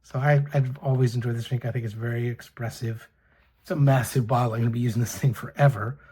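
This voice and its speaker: A middle-aged man talks through his fountain pens and inks in a relaxed show-and-tell. His voice is mellow and quite raspy. He speaks softly and hesitantly, with plenty of fillers and restarts. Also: mid-range voice, fast talker. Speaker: pen and ink reviewer. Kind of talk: casual show-and-tell review.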